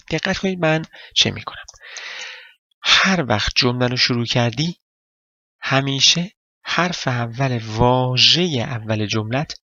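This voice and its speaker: A man with a gravelly, bright and forceful voice teaches a language lesson in a casual way, with Persian as his first language. He explains each step, quizzes his viewers and thinks aloud as he writes. The recording is dry and a little dull. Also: mid-range voice, no echo.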